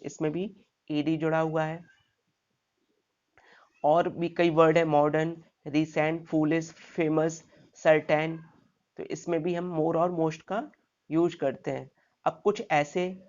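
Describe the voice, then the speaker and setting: A man's voice: fairly high pitch, a little mellow, muffled recording. A man teaching a grammar lesson step by step, asking his class rhetorical questions and checking in with "okay" after each point.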